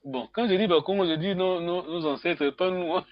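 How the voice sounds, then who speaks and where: A man teaching a language class online, questioning his students, with slow speech and many hums. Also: sits high, muffled recording, a little hiss or hum. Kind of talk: online group lesson.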